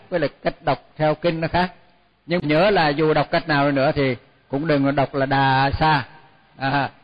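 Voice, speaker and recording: A man teaching Pali chanting, intoning each word slowly and repeating it, then explaining pronunciation in a relaxed, chatty way with small laughs. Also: a little high. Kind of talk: chanting lesson with spoken explanation. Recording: dull lo-fi sound with long hall reverb.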